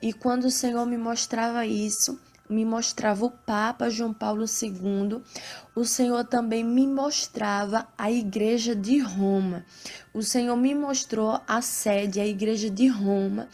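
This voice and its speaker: A woman with a Brazilian Portuguese accent reading scripture and giving a spiritual testimony in a slow, solemn, measured way. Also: fairly high pitch, steady tone, darkish tone. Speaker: evangelical preacher.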